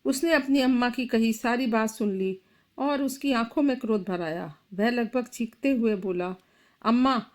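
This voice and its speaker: A woman's voice: fairly high pitch, moderate pace, a little mellow. Woman narrating a dramatic story.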